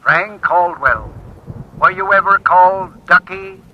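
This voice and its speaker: An actor voicing an impassive talking computer in an old radio drama, speaking in stilted, precise announcements. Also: male voice, high-pitched, takes it slowly. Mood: impassive, formal. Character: impassive talking computer that answers any question. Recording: muffled vintage radio recording.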